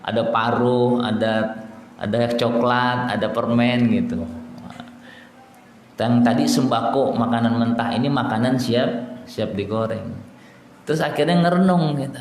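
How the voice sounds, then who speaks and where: A man's voice: medium pitch, a little slow, slight background noise. A middle-aged man with an Indonesian accent giving a casual religious study talk, telling stories and acting out the dialogue. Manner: storytelling, acts out dialogue, chuckles at own jokes. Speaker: Islamic teacher. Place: prayer room. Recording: echoey hall with faint ambience.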